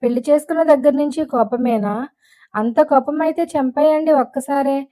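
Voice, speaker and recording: A woman's voice: high-pitched, moderate pace, mellow, lightly acted, low-quality recording. A woman reading the lines of a hurt young wife who speaks with tearful reproach in an audiobook.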